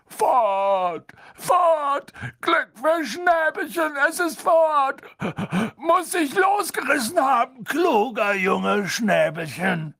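A man's voice: extremely high pitch, expressive, drawn-out words, creaky, fairly bright tone, voice pushed up, exaggerated voice. A man voicing a huge, tearful half-giant gamekeeper who sobs and wails. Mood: sobbing relief. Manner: sobbing, wailing.

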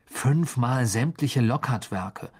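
A man's voice: medium pitch, expressive, breathy edge. A man voicing a cheeky, teasing teenage wizard boy in a storybook. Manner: teasing, quick and mocking.

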